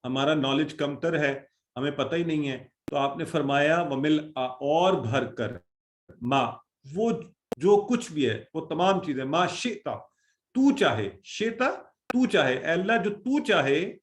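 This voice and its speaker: This is a man giving an online lesson on Quranic Arabic. He breaks down each word, links it to familiar everyday examples, and checks in with his students through questions. His voice sits a bit high and carries a noticeable room echo. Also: animated. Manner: explains Arabic words with Urdu examples, asks the class questions. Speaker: Quran teacher.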